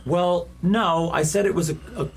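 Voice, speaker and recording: A man improvising narration as game master of a tabletop game, in descriptive, stop-start phrases with dramatic pauses. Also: high-pitched, steady tone, a little hiss or hum.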